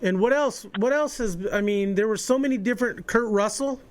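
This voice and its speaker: A male podcast host chatting casually with his guest, relaxed and full of fillers. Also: high-pitched, fairly quick. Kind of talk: casual interview chat.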